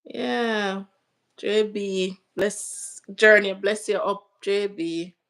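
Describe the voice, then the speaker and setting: A woman's voice: medium pitch, fairly even intonation, very slow, fairly bright tone, poor audio. A woman hosting a casual livestream, chatting and greeting viewers by name. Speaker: livestream host.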